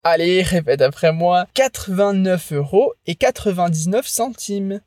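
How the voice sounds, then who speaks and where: A French teacher gives a language lesson, modeling phrases slowly and carefully so the listener can repeat them. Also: medium pitch, a little mellow.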